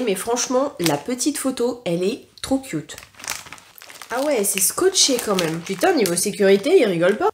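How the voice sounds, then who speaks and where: A woman giving a casual taste-test review to camera, talking frankly and often pausing on filler sounds and restarts. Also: on the high side, a little hiss or hum. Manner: chatty and frank, leaning on "franchement" and "concrètement"; hesitant, with frequent filler sounds and self-corrections. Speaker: food tasting vlogger.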